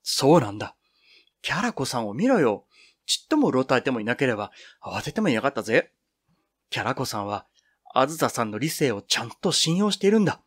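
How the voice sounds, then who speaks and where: A man's voice: mid-range voice, very animated, breathy edge. A man reading the part of Piro, a cheerful, boyish young woman who talks firmly and confidently. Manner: brisk, scolding, confident.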